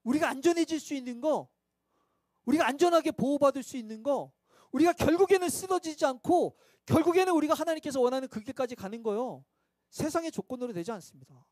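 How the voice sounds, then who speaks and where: A man's voice: very high-pitched, expressive, fast, a little mellow, no room sound. A man preaching a sermon as pastor at a midweek church service, conversational and self-mocking, asking his listeners rhetorical questions.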